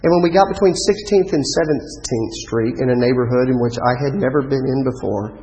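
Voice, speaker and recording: A middle-aged man, preaching a sermon through a personal story, lively in the telling and dropping quiet to drive a point home. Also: medium pitch, brisk, highs cut off. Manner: animated storyteller, drops to quiet emphatic lines.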